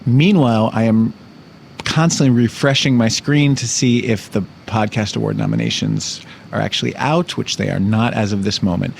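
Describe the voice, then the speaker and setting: A man's voice: on the low side, expressive, moderate pace, gravelly, slight background noise. A man hosting a podcast, chatting in a playful, bawdy joking way. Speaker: podcast host. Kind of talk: casual chat with a read sponsor ad.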